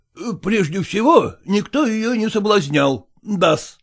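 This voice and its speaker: A smug, fawning merchant of the old days, as a male audiobook reader plays him, placating but unbending. His speech is drawn out and overly polite, with a fairly high, lively voice. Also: heavily acted. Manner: obsequious, drawn-out, adding a polite "-s".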